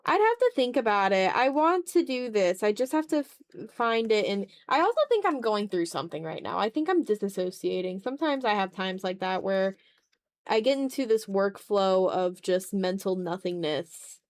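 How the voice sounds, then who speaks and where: Chatting while drawing on her art livestream, a woman rambles in a self-deprecating, casual manner. Her mid-range voice is sing-song and moves at normal speed, and the recording is dry.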